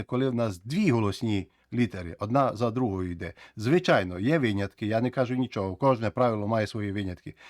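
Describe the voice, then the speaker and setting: A man teaching English pronunciation, lively, who says words slowly and repeats them often. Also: medium pitch, dry recording, clean studio sound. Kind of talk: explaining pronunciation rules.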